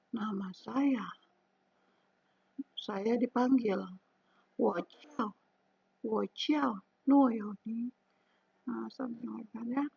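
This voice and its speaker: A woman teaching a beginner language lesson, speaking slowly and patiently and drawing out example syllables. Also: a little high, creaky, breathy edge, highs cut off. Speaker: Mandarin teacher.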